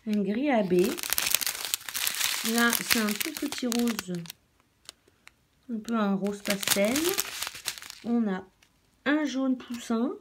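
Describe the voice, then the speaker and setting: A woman's voice: fairly high pitch, slow pace, long pauses. A woman chatting casually as she unboxes a craft kit, rambling with many fillers, filmed on a phone indoors. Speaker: hobby vlogger. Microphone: phone camera. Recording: loud crinkling and handling noise.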